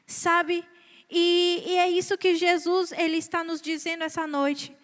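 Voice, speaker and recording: Brazilian woman delivering an earnest sermon, bright voice. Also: very high-pitched, level tone, unhurried. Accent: Brazilian Portuguese. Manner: earnest, repeats "sabe, queridos" to the congregation. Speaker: preacher. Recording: hall reverb.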